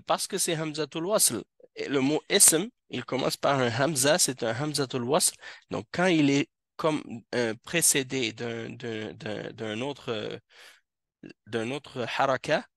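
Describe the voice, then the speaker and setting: A man teaching Arabic grammar to a class, explaining slowly with frequent hesitations. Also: mid-range voice, vocal fry, fairly bright tone, no echo, clean studio sound. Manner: slow, hesitant explaining with many fillers. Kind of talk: classroom lesson. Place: mosque classroom.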